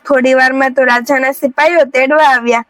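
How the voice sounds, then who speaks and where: High-voiced woman telling a folk tale. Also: steady tone, fairly quick, no room sound, low-quality recording. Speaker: storyteller. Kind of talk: moral folk tale narration.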